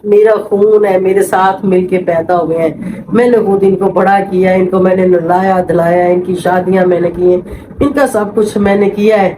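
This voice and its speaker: A woman's voice: fairly low pitch, fairly even intonation, moderate pace, background noise. A middle-aged woman with a Pakistani accent, telling a family story in an interview, emphatic and repeating herself. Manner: emphatic, repeats herself, acts out quoted voices.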